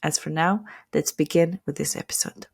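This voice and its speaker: Low voiced lady host, measured intro, kinda hesitant questions. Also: vocal fry, a little mellow, breathy edge. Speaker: podcast host. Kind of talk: introduction and interview.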